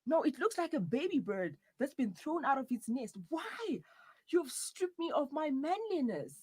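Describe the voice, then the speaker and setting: Brief: man voicing a touchy young boyfriend stuck in the wrong body, comic audio drama, whiny outbursts, husky tone. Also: a little high, animated, normal speed, darkish tone. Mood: outraged.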